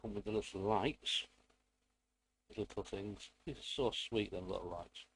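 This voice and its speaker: Low-pitched British man, rambling build tutorial. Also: measured pace, fairly bright tone, husky. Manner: rambling, self-deprecating, playful asides. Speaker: hobbyist presenter. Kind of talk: casual hands-on build tutorial.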